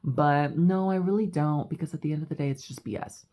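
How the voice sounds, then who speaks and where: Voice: mid-range voice, fairly quick, mellow. A vlogger talking casually and reflectively into the camera, rambling and confessional, full of "like" and "you know.". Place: house in Mexico.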